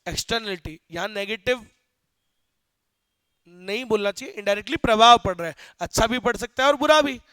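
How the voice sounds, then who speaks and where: A young male teacher lecturing a class in an animated, joking way, often quizzing students, with phrases. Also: high voice, normal speed, pauses often, clean tone, dry recording. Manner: animated, asks students questions, jokes.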